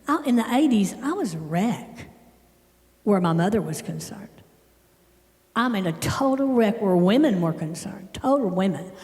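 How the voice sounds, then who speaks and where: A middle-aged woman giving a sermon in a church, telling personal stories in an emphatic, animated way. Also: medium pitch, moderate pace. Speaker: church speaker. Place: church sanctuary. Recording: echoey church hall with long reverb.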